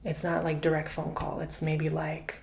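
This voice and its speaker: Soft-spoken man with a gravelly voice. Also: fairly high pitch, completely flat delivery, moderate pace, a little hiss or hum. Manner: intimate, chatty, calls the listener honey and sugar; repeats words for emphasis. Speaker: tarot reader. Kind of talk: ASMR tarot reading, soft-spoken with whispers.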